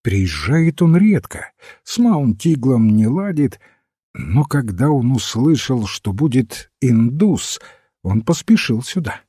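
A man's voice: medium pitch, slow pace, slightly rough, no echo, studio quality, heavily acted. A man as Father Brown, mild priest. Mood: explaining. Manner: calm, reasoning, gently explaining. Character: mild, thoughtful elderly male priest-sleuth.

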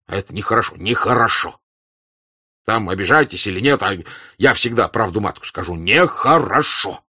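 A man playing a gruff old hussar captain. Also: lowish voice, lively intonation, moderate pace, bright, forceful tone, highs cut off, exaggerated voice. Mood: impassioned. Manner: scolding, emphatic, fatherly. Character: gruff older male hussar staff-captain, stern, honest.

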